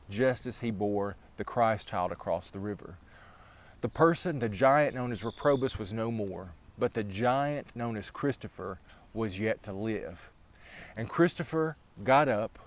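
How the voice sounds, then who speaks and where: A man telling a legend aloud in a casual, dramatic way, building tension through repetition and restarting his sentences. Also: lowish voice. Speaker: storyteller. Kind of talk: oral storytelling of a legend.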